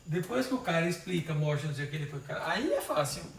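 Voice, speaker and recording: A man's voice: on the high side, very animated, fast, vocal fry. A male literature teacher giving an informal poetry lesson, patiently splitting verses into syllables and counting them aloud. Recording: roomy sound, mic at a distance, faint noise.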